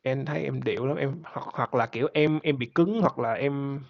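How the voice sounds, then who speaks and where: A man hosting a podcast, chatting casually and rambling in a relaxed way, laughing easily. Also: medium pitch, normal speed, creaky. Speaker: podcast host. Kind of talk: casual chat. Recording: dull lo-fi sound.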